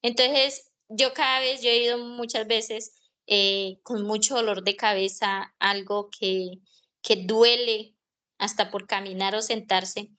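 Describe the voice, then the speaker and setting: A woman in a church class sharing a personal testimony, halting and restarting often. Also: mid-range voice, little pitch movement, sharp tone. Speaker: class participant.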